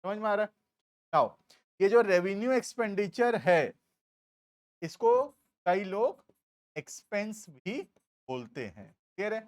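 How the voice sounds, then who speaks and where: A man with an Indian accent teaching a commerce class, explaining slowly and stopping to check that students follow. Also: sits high, dry recording, studio quality. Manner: explains slowly, asks checking questions, drawls key terms. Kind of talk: classroom lecture.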